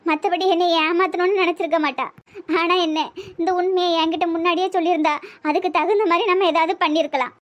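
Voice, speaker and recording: ஒரு பெண் கார்ட்டூனில் நெல்லை வட்டார வழக்கில், மனம் புண்பட்டு அழுதுகொண்டே பேசும் வயதான பணக்காரப் பெண்ணுக்குக் குரல் கொடுக்கிறார். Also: female voice, very high voice, fairly even intonation, fast talker, lo-fi sound. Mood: hurt, tearful. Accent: Tirunelveli Tamil. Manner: sobbing, pleading. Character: tearful elderly rich woman, proud and hurt. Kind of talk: cartoon voice acting.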